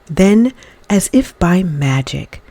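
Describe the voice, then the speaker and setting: Reading a children's story out loud, this woman uses a dramatic, expressive style and deliberate phrasing, and her pitch sits on the low side.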